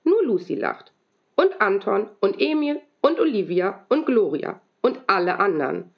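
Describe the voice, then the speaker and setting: Lively woman reading a story aloud. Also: medium pitch, normal speed, creaky. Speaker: school librarian reading aloud. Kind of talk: reading a children's book aloud. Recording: dull lo-fi recording.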